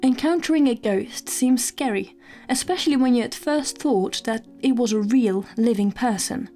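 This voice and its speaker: A woman's voice: fairly high pitch, moderate pace, mellow, soft background music. A woman hosting a storytelling podcast, earnest and hesitant, with many fillers and restarts. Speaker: podcast host.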